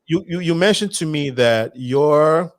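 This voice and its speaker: A man's voice: a little high, lively intonation, no echo. A man hosting an interview, restarting his words as he frames questions. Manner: halting, repeats words while framing questions. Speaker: host.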